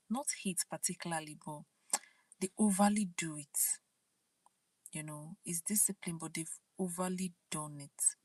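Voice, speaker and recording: On her own live stream, a channel host chats casually and tells a story about parenting, laughing now and then. Her voice is on the low side, and the recording is dry.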